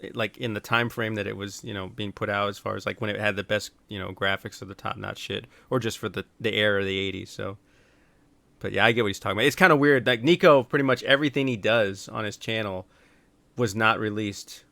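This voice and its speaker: A man in his thirties chatting on a podcast, animated and storytelling with frequent restarts. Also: fairly low pitch, fairly quick, creaky, no room sound. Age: 30s. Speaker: podcast panelist. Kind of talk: casual chat.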